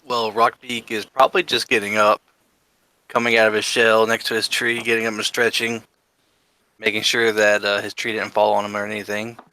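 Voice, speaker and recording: Bright-voiced man playing a tabletop game. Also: fairly low pitch, flat delivery, normal speed, no room sound, low-quality recording. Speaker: player. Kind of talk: casual tabletop role-play.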